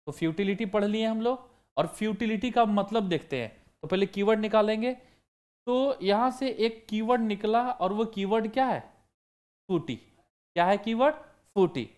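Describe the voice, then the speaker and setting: A man teaching vocabulary for exam prep, asking the class questions and answering them himself while repeating the key words. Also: high-pitched. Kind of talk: online vocabulary lesson.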